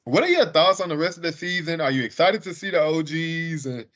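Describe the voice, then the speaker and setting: A man's voice: on the high side, lively intonation, brisk, a bit bright. Chatty man hosting a rant show, lo-fi sound. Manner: loose, chatty, often asks "you get what I'm saying?". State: hiccuping from wine. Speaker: podcast host. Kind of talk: casual chat. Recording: dull lo-fi audio.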